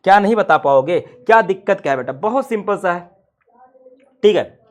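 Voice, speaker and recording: A man's voice: sits high, animated, normal speed. A man teaching a science class, playful and full of rhetorical questions to his students.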